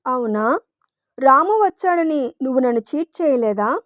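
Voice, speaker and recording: A teasing young lover in a read-aloud romance story, put on by a woman narrator. He needles his beloved, playful and sure of himself. The high voice sits close and dry. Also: lively intonation, measured pace, fairly bright tone, dry recording.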